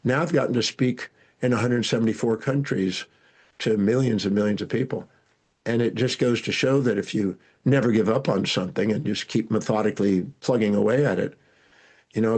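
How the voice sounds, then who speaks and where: An older man, a guest speaker and educator, telling animated stories from his life in an interview, with frequent restarts. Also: on the low side, slightly rough. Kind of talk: storytelling interview answers.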